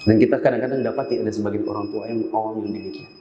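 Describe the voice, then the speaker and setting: A male Islamic preacher giving a sermon, telling stories lively and acting out the quotes. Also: on the low side, racing, slight background noise. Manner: lively storytelling with acted quotes. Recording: roomy, dull-sounding lecture recording.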